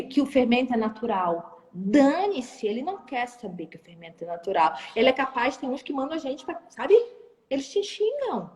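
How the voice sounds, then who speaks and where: A woman guest in a live-stream interview, with a high voice that swoops widely as she talks. She sounds animated, playing out bits of her sales calls. Her voice carries a long reverb. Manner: animated, acts out phone calls and sales talk. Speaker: entrepreneur guest. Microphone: phone or video call.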